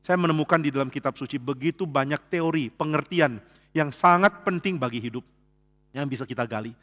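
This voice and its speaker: A man preaching an expository sermon as pastor, acting out dialogue in lively voices and dropping in English phrases. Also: a little high, brisk. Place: church sanctuary. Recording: long church hall reverb.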